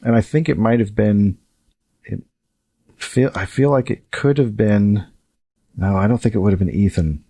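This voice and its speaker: A man's voice: lowish voice, moderate pace, gravelly, pauses often, mellow, breathy edge, no room sound. A man co-hosting a podcast in casual chat, thinking aloud and asking questions.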